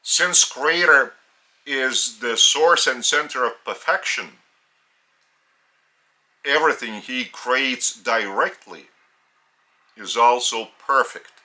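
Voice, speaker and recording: This Lithuanian-born man teaches on spiritual matters in English, slowly and solemnly, leaving long pauses between carefully placed phrases. His voice is mid-range with a sharp edge, and his accent is audible.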